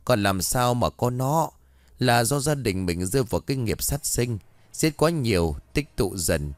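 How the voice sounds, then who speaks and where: A man voicing a calm, kindly male Buddhist monk who explains things slowly and solemnly, in a lively reading of a ghost story. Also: medium pitch, dry recording, close to an everyday voice.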